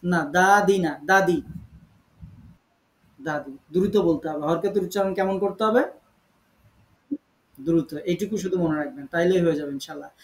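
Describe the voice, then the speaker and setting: High-voiced man teaching Quran recitation. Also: darkish tone, reverberant, slight background noise. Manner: patient, repeats corrections, models pronunciation slowly. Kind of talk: online class correcting students.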